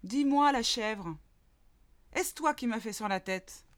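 A woman's voice: animated, takes it slowly. A woman voicing an indignant little female mole in a children's storybook reading, grumbling and demanding answers. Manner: shrill, complaining, demanding.

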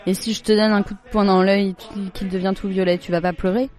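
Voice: medium pitch, little pitch movement, fairly quick, darkish tone, close to an everyday voice. A storyteller voicing a blunt, teasing young schoolboy in an everyday tone.

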